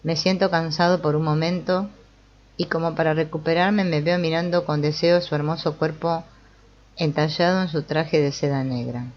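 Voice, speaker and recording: A woman's voice: low voice, fairly even intonation, moderate pace, muffled recording, natural voice. A woman reading the part of an ashamed, troubled man who speaks in a pained, confessional way.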